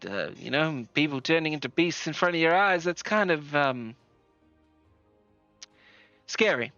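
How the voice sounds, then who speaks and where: A hospitable Southern woman who leads a frontier settlement, as a man puts her on, speaking in a bright, forward voice. She is friendly but halting, full of "uh" and "um", over a dry, slightly dull recording with faint music behind. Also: fairly high pitch, animated, no echo, heavily acted. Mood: welcoming. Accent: Southern US, put on. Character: hospitable female settlement leader.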